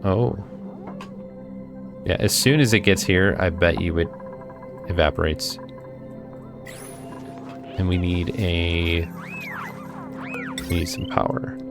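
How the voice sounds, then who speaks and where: A man giving casual commentary while he plays a video game, thinking out loud and talking to himself as he plays. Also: low voice, fairly even intonation, slow, pauses often, over music. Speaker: gameplay video host.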